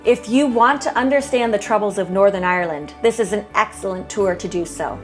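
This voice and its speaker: A woman's voice: mid-range voice, fairly quick. A middle-aged woman hosting a travel vlog, narrating the sights in an upbeat, descriptive way. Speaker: travel vlogger host. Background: background music.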